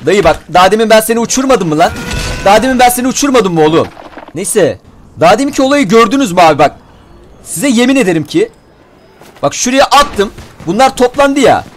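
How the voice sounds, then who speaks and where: Young man, gameplay commentary, high-pitched, very lively, cursing at enemies. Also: a little fast, slight background noise. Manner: animated, swearing, talks to enemies. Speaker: gameplay streamer.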